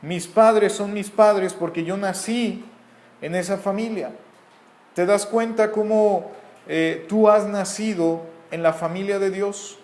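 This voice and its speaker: A man's voice: high-pitched, fairly even intonation, takes it slowly, a little mellow, reverberant. A man from Mexico with a Mexican accent, giving an earnest, repetitive Bible teaching. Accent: Mexican Spanish.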